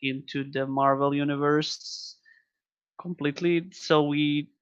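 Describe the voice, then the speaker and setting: A man co-hosting a casual podcast, talking in a halting way, repeating words and giving short agreeing replies. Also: a little high, fairly even intonation, fairly bright tone, smooth, lo-fi sound. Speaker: podcast co-host. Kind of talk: casual chat.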